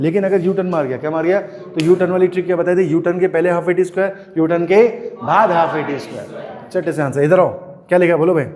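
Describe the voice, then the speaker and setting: A man's voice: a little high, a little mellow, in a large hall. A male physics teacher giving a classroom lecture, firing questions at students and teasing them playfully. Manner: calls out questions and makes the class answer in chorus. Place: classroom at a coaching institute.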